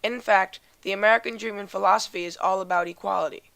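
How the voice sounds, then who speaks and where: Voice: mid-range voice, fairly even intonation, fast, creaky, fairly bright tone, no echo. A teenage student reading a firm, declarative narration. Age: teens. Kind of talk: scripted narration.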